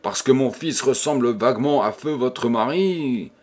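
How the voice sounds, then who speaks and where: A tense husband whose anxiety turns into curt, brutal replies, voiced by a male reader. The tone stays clipped and irritated. It is read as storybook audiobook dialogue with a mid-pitched male voice. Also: a little slow, darkish tone, husky. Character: anxious, increasingly brutal husband.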